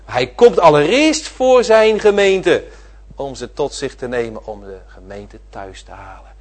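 A man preaching a sermon, repeating his phrases and swinging from loud declarations to quiet asides. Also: medium pitch, expressive, a little slow. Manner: emphatic, repeating phrases with swelling and dropping volume.

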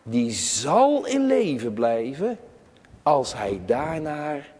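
A man preaching a sermon to his congregation, emphatic, rising to high cries and dropping to hushed tones. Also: big pitch swings, extremely slow, breathy edge, big-room sound. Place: church.

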